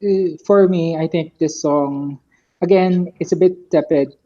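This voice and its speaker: A woman's voice: low voice, a little slow, highs cut off. A woman with a Filipino accent hosting a casual panel chat, steadily leading the talk and hedging her opinions. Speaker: podcast host and moderator.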